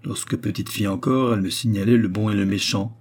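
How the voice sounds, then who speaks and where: A man voicing a humble, secretive old man who speaks gravely and with respect. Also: lowish voice, steady tone, fast talker, a little mellow, lightly acted.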